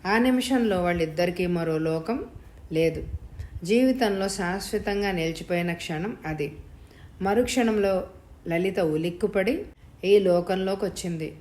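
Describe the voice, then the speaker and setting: A woman narrating a novel episode in a calm, even storytelling manner. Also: lowish voice, unhurried. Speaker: audiobook narrator. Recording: roomy echo.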